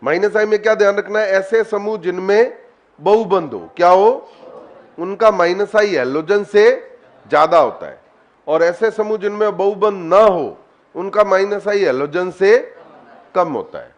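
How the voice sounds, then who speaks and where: A man with a high voice teaches a chemistry lesson online. He keeps quizzing his students, coaxing answers out of them and calling on them by name. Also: measured pace.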